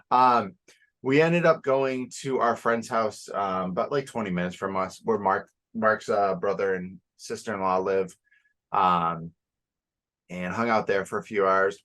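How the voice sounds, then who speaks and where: A man's voice: on the low side, measured pace, fairly bright tone. A young man co-hosting a podcast in casual, profane chat, sounding sleepy and yawning now and then. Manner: loose and profane, laughing and yawning. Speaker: podcast co-host.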